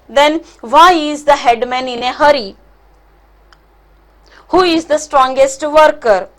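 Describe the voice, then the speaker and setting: A woman's voice: sits high, a bit bright. A middle-aged woman with a Kannada-accented Indian English, teaching an online lesson in an emphatic way, repeating her points and checking in with short questions. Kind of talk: online lesson explanation, advising students.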